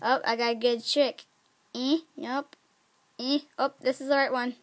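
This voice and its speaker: A woman giving casual, excitable commentary while playing a game, chatty and prone to squeals. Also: high-pitched, a little slow. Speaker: gaming video creator.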